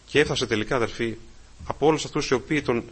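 A man preaching a sermon to his congregation, calling them brothers again and again and swelling louder on key phrases. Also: mid-range voice, slightly rough.

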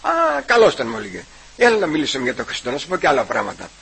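A man giving a personal testimony at church. He retells the conversations and keeps repeating "I say" and "he says", with halting restarts. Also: medium pitch, huge pitch swings, creaky, fairly bright tone, husky, rough recording.

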